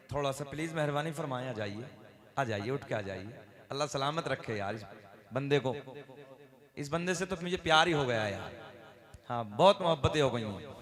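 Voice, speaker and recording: An Indian man preaching a sermon to a large gathering, swinging between loud, drawn-out declamation and quiet, chatty asides. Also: fairly high pitch. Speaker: Islamic preacher. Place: outdoor religious gathering. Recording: crowd noise in background. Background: large crowd.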